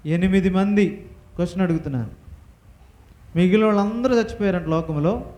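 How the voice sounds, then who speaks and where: A man teaching a Bible lesson to children, firing questions at the class and having them repeat answers loudly. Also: sits high. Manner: quizzing the class with rapid questions. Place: church hall with children. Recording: echoey hall.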